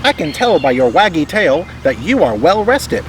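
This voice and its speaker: Storybook role: male reader as tiny bossy lady bird teacher, high, bouncy, theatrical delivery; noisy recording. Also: sing-song, moderate pace. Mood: cheerful. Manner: chirpy, exclamatory, theatrical. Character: small cheerful bossy female bird teacher.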